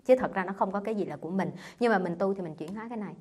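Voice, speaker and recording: A woman's voice: mid-range voice, rapid-fire, a little mellow, slightly rough. A woman, a Buddhist nun giving a conversational dharma talk and quizzing her listeners with rhetorical questions. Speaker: Buddhist nun teaching sutra class. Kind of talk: dharma talk to a live audience.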